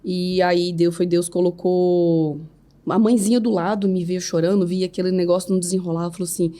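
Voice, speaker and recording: Earnest Brazilian woman with a mellow voice. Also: on the low side, fairly even intonation, brisk. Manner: earnest, faith-filled storytelling with frequent "né?" tags. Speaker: podcast guest. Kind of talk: emotional personal testimony.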